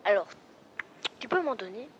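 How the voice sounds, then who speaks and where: A woman's voice: a little high, very animated, moderate pace, muffled recording, a little hiss or hum. Woman doing Panache, an eager little squirrel. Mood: scheming. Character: eager young male squirrel.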